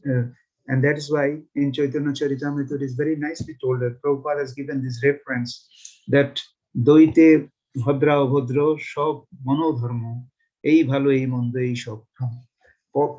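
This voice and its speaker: Earnest man explaining, slightly high voice. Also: warm tone, lo-fi sound. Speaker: class attendee commenting. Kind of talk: devotional comment.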